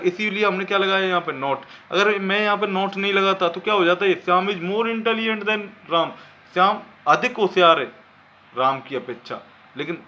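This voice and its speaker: Male tutor, bright and slightly tense tone, patient step-by-step explainer. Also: sits high. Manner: explains slowly, asks and answers his own questions. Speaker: English teacher. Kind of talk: classroom grammar lesson.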